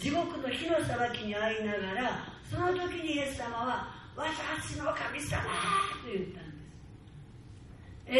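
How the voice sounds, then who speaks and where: A woman pastor preaching a sermon with fervent, slow, stressed phrasing that builds in urgency. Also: a little high. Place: church hall. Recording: far-off mic in echoey hall, faint hiss.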